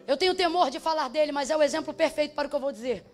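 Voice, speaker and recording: A woman preaching a sermon with fervor, building to shouts and acting out bits of dialogue. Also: high voice, very fast, soft background music. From Brazil. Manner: acts out dialogue in different voices.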